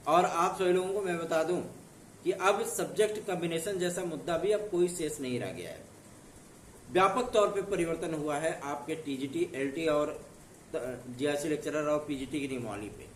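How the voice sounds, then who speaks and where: An exam news channel host from northern India, hoarse from a sore throat, gives a casual direct-to-camera update in an earnest, reassuring manner, repeatedly using tag questions to check in with listeners. His voice is on the high side at a moderate pace, recorded off-mic in an echoey room with slight background noise.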